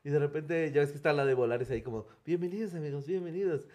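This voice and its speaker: A man's voice: on the high side, racing. Slangy Mexican man telling a story. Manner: animated, slangy, laughs through the story. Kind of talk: casual storytelling among friends.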